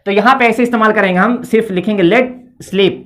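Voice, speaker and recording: A man's voice: high-pitched, a little fast, a bit bright. Patient male English teacher, tinged. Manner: repeats "theek hai" often, explains patiently. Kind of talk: classroom lesson at a board.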